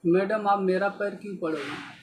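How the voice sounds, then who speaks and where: A man's voice: sits high, normal speed, slight background noise, natural voice. A man playing a humble widowed father. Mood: humble, remorseful. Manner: humble, pleading storytelling voice.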